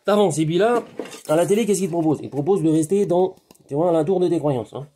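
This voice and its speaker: Speaking fast in a fairly high voice over a faint hiss or hum, a hypnotherapist vlogger from France films himself in his garden. He rambles animatedly, repeating points and treating the viewer as a close friend.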